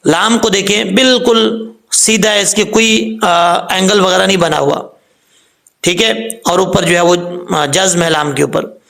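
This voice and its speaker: In this step-by-step tajweed lesson, the male Quran recitation teacher has a high voice that is a bit bright with some gravel in it. Patient and methodical, he goes over frequent errors and fixes more than once and spells out letters and vowel marks slowly.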